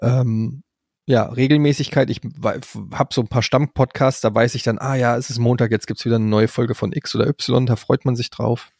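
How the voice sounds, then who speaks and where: A man's voice: mid-range voice, fairly even intonation, moderate pace, vocal fry, a little mellow, husky, no echo. Male podcast co-host, casual and rambling, dry close mic. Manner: rambling, many fillers and restarts. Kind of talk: casual chat.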